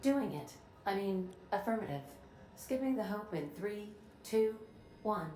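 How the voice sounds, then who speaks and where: A woman plays a courteous female ship's computer AI with a crisp, exact delivery. Her lines come out dry and processed like a machine's. The sound is roomy, with steady noise underneath. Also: medium pitch, unhurried, natural voice. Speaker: ship's artificial intelligence. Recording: roomy game audio with background noise.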